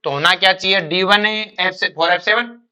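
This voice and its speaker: A man teaching a chemistry lesson in a high, bright voice. He keeps prodding the class with repeated questions and draws out the words of his memory trick slowly. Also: clear, resonant tone. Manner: coaxing, repeats questions to students, calls them "beta". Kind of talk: classroom lecture.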